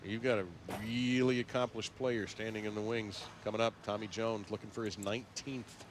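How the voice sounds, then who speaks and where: A man's voice: lowish voice, flat delivery, normal speed, noisy background. An American man giving live play-by-play sports commentary as the announcer.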